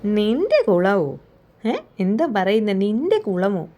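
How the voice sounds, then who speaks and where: A woman's voice: mid-range voice, very animated, slow, mellow. A woman voicing a scornful frog that laughs and mocks its rival. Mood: mocking. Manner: mocking, laughing.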